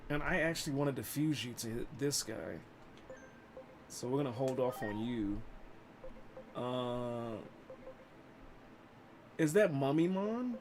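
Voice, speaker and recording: A man's voice: mid-range voice, lively intonation, takes it slowly, pauses often, background noise. A man streaming a video game, chatting casually and joking with some swearing. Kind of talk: casual gameplay commentary.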